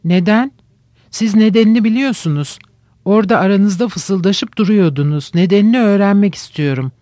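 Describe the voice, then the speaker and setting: A man voicing a sick young woman shouting hoarsely. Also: sits high, normal speed, no room sound, studio quality, close to an everyday voice. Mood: desperate demanding. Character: gravely ill young woman, desperate and demanding.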